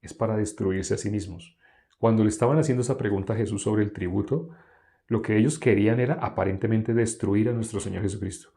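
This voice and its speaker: Male preacher, dark mellow tone, animated delivery with sudden hushed drops. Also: fast talker, creaky. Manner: animated, rises sharply when acting out objections; drops to a hushed low voice on key phrases. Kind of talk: Bible teaching sermon.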